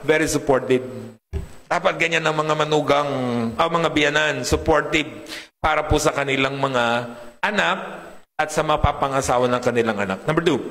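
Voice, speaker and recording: A man preaches with a big, deep voice, slightly raised in pitch for a man. He jokes and keeps checking in with the congregation. The sound carries a long reverb from a large hall. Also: fairly bright tone. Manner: humorous, asks the crowd often. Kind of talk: sermon.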